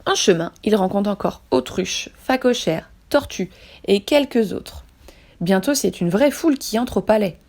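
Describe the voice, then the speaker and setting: A woman's voice: mid-range voice, animated, normal speed, gravelly, darkish tone. A woman with a French accent who works in after-school childcare, reading a children's story aloud expressively.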